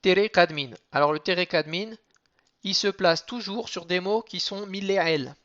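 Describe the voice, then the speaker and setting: A man teaching a lesson on cantillation marks, explaining each rule step by step and chanting the Hebrew examples slowly. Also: high-pitched, a bit bright, lo-fi sound.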